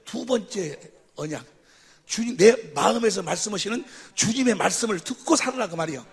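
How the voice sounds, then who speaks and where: A man preaching at a church seminar, who keeps quizzing the audience and calling for amens, sometimes bursting into shouts. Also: sits high, lively intonation, a little fast, creaky, husky. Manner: quizzes the audience with constant questions; calls for amens after each point. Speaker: pastor. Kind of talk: seminar sermon teaching.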